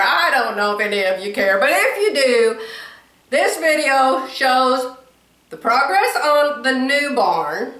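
Filming a building site outdoors, an older woman narrates her casual vlog in a chatty way, with frequent exclamations and laughter. Her high-pitched voice sounds pushed and bright, and the recording is dry, though the outdoor camera audio carries noise.

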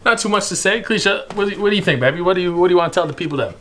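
Young male vlogger, casual slang-heavy house tour, slightly high voice, camera mic indoors. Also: lively intonation, rapid-fire, bright, forceful tone, a little hiss or hum. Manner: laid-back slangy banter, walking and pointing things out.

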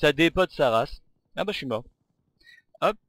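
A man giving live commentary while playing a video game. He rambles, stumbles over his words and breaks into excited outbursts at the game. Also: a little high, moderate pace. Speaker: gamer and channel host.

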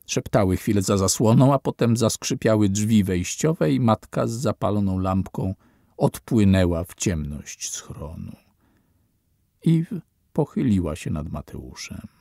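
A man narrating an audiobook in a slow, measured reading. His voice is low, dark and gravelly, with a husky edge. The sound is close and dry. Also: expressive, no room sound. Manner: slow, measured reading with falling, quiet endings. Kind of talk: scripted narration.

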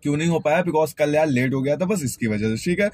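A man's voice: on the high side, animated, quick pace, darkish tone. Chatty young man vlogging about his driving day. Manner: chatty, addresses viewers as brothers and friends. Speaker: vlogger and ride-hailing driver. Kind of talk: casual vlog talk to camera.

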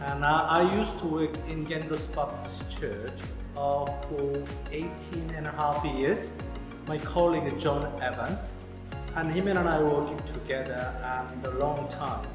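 A man in his forties, originally from South Korea, a pastor speaking in halting second-language English with many fillers, interviewed in a church hall. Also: fairly high pitch. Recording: echoey hall with background music.

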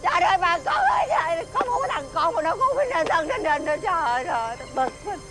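A scolding, exasperated middle-aged mother in a TV fairy-tale drama, speaking. Her voice is high and shrill, and the words tumble out fast. Music plays behind her. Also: very animated.

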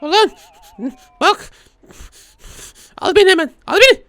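A tiny cursed baby doll in a video game, grumpy and demanding, squealing in a very high, piercing voice. The sound is bright and close, with no room behind it. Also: male voice, unhurried, no echo, exaggerated voice. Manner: whiny, bossy, squeaky.

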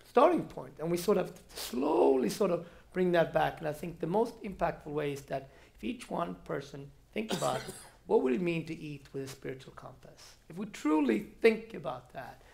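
A man from Ethiopia speaking on a stage panel, animated and restarting often. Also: high-pitched, creaky. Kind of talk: panel discussion. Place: large auditorium stage. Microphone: headset mic.

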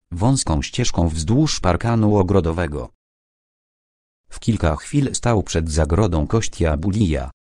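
A man reading an old novel aloud as an audiobook narrator, in steady, measured scripted narration. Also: low voice, no room sound, studio quality.

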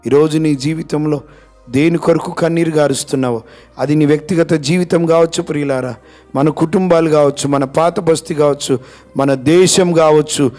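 A man pastor, preaching an impassioned sermon that swings from hushed to shouted. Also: on the high side, fairly even intonation, moderate pace, soft background music.

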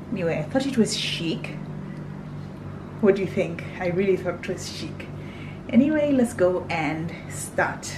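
A woman chatting casually through a grocery haul at home, sometimes dropping to a whisper. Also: lowish voice. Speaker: vlogger. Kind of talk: casual shopping haul chat. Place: home kitchen. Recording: echoey room, far from mic, background noise.

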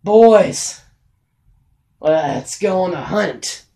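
A young man voicing a cold, menacing male clone leader in a homemade skit, speaking slowly and low. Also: animated, dark tone, full character voice. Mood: commanding.

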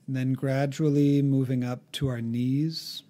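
Long pauses punctuate the phrases of a man narrating a guided meditation. His mid-range voice is calm and gently instructive.

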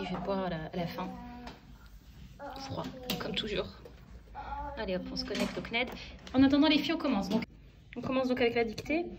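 A woman in her thirties filming a vlog at home, chatting and explaining as she teaches her children. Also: medium pitch. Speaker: home-schooling mother. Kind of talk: casual vlog narration and teaching.

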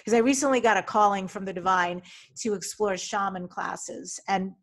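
A middle-aged woman hosts a podcast interview over a video call from a room at home with a folding screen, speaking into a studio desk mic in front of her. She sounds upbeat and enthusiastic, her mid-range, fairly bright voice steady at a normal speed.

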